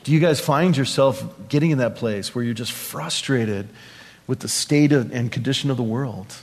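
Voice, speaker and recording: A pastor delivers a conversational, verse-by-verse Bible sermon to his congregation, often restating phrases and posing questions to listeners. His medium-pitched voice has a darkish tone and normal speed. The recording carries a long hall reverb and slight background noise.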